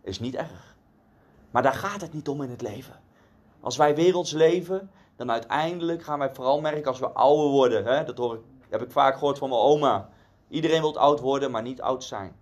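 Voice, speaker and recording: A man's voice: medium pitch, normal speed. A man giving a conversational devotional sermon, telling a story earnestly with casual asides.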